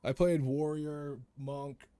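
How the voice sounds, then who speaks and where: A man's voice: on the high side, little pitch movement, takes it slowly, dark tone, clean tone, dry recording. A man streaming a video game, chatting casually as he plays and often repeating his own phrases. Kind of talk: casual live gameplay commentary.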